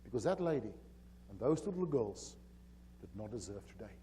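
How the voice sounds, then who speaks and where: A man's voice: lowish voice, big pitch swings, a little fast, background noise. A man quoting an older male mine manager, speaking earnestly and with remorse.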